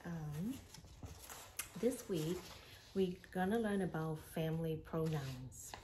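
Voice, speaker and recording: A woman teaching a language lesson to children, speaking slowly and repeating each word for pupils to echo. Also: sits low, expressive, dark tone, a little hiss or hum.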